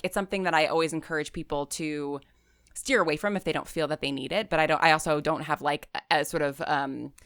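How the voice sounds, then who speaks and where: In a clean studio recording with no room sound, a woman with a lowish, fairly bright voice answers interview questions casually. She's an audio drama writer and creator appearing as a guest, rambling with plenty of "like" and "you know" and stressing key words in her chatty replies.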